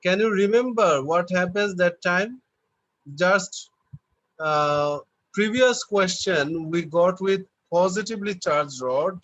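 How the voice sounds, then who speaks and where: A man teaching an online class, explaining slowly and patiently over a video call. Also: sits high, fairly bright tone, dry recording. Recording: dull lo-fi online call audio.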